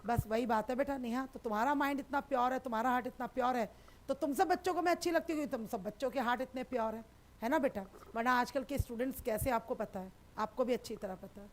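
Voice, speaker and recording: Female tutor, high pitch, affectionate and reassuring, live online class. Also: fast. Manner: affectionate, reassuring, calls students beta. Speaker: sociology teacher.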